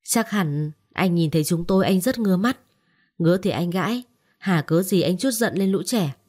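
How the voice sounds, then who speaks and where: A woman's voice: lowish voice, animated, moderate pace, darkish tone. A woman voicing a blunt, feisty young country wife in an audio story. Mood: defiant. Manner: blunt, defiant.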